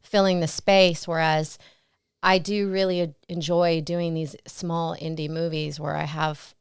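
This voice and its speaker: A woman's voice: deep voice, level tone, a little slow, gravelly, clean tone, dry recording, studio quality. A woman guest in an interview, reflecting on her career in a casual storytelling way and often laughing. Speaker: interview guest, stunt performer and actress.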